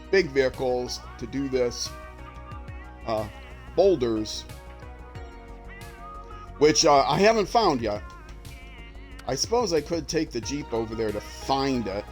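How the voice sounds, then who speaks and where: Streaming a game, a retired older man rambles casually with many fillers in commentary as he plays. His young-sounding voice is mid-range with a darkish tone.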